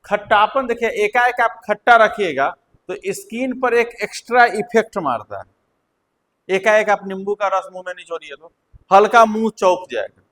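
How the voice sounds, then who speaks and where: A man's voice: high voice, normal speed, a bit bright, rough recording. A male teacher giving a classroom lecture, repeating key points and quizzing his students.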